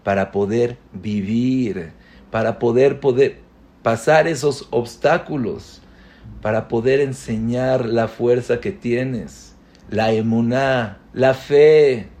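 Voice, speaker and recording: A man giving an inspirational religious talk, speaking deliberately and repeating phrases for emphasis. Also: mid-range voice, darkish tone.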